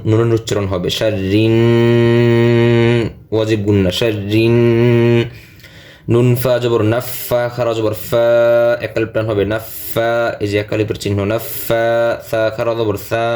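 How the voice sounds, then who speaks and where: A man's voice: fairly low pitch, darkish tone. A man teaching Quran recitation word by word, patiently spelling out letters and vowel marks, then chanting each verse.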